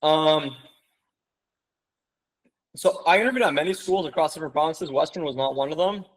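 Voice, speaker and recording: A young man with a slightly high voice runs an online interview-prep session. He talks in an animated, conversational way, leaning on emphasis and rhetorical questions to drive his points home. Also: normal speed, rough recording. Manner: casual, conversational. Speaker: medical school interview coach. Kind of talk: online info session lecture.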